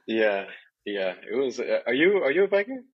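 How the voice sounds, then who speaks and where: A man's voice: medium pitch, very animated, normal speed, husky, dull audio. A young man from Tijuana and San Diego, chatting casually as a podcast guest, rambling with many restarts. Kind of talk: casual chat.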